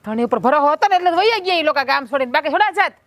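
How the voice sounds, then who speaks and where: Woman playing a village wife, high voice, fast and sarcastic, nagging her husband. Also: animated, dry recording. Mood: taunting. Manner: taunting, sharp-tongued, sarcastic. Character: sharp-tongued village wife, middle-aged. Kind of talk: village family drama.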